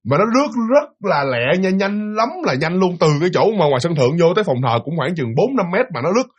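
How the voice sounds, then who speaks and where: A young man tells a ghost story in a husky, slightly high voice. He talks fast, with lively, swooping delivery, and keeps turning to his listeners as he repeats himself. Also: highs cut off. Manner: lively, repetitive, addresses listeners directly. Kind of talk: casual spoken ghost story.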